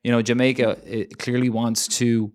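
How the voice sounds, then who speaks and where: A man in his young adult years talks local politics on a podcast, his voice sitting at an ordinary mid pitch. He rambles along loosely, full of "you know" and "um". His sentences circle back on themselves as he restarts them. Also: flat delivery, normal speed, darkish tone. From Ireland. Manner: rambling, many fillers and restarts. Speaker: podcast co-host. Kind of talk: casual political chat.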